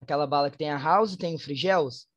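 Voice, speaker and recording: A woman with a Brazilian Portuguese accent, teaching an online English class, switching between Portuguese and slowly spoken English examples. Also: low-pitched, no echo, lo-fi sound. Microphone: online class headset or computer mic.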